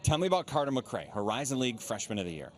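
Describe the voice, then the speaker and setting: A man's voice: medium pitch, big pitch swings, fast talker. A man interviewing a coach and players, asking playful, teasing questions. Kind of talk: sports interview.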